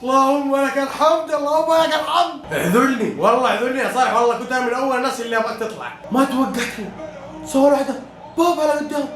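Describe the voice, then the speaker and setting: A fast-talking man with a high, excitable voice reacts live to a football match. He shouts and cheers and prays aloud between plays. The sound is echoey, as if from a bare room.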